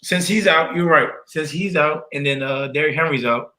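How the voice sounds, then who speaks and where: A man guesting on a sports podcast, easygoing and thinking out loud in casual chat. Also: on the high side, moderate pace.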